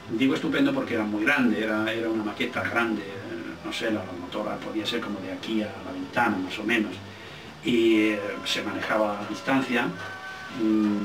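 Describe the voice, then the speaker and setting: An older man with an accent from Spain, a film director telling casual anecdotes in an interview, halting as he searches for words. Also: fairly low pitch. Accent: Spanish, from Spain. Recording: roomy, distant microphone, faint music.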